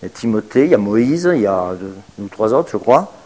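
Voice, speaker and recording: Preaching in French, this man's voice runs on the low side with big pitch swings at a fairly quick pace. He reads scripture aloud and comments on it with hesitations, alternating emphatic raised bursts with quiet, murmured asides.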